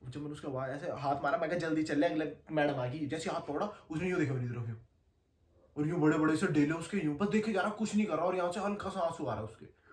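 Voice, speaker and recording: A young man telling a story in casual, slangy chat, animated and laughing as he goes. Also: on the high side, fast, recorded from a distance. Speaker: podcast guest storyteller. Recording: echoey room, faint ambience.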